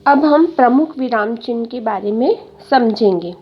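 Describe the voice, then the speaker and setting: A woman's voice: fairly high pitch, animated, unhurried, husky, muffled recording. A woman teacher giving a grammar lesson to children, explaining each point and then repeating it in simpler words. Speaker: school teacher.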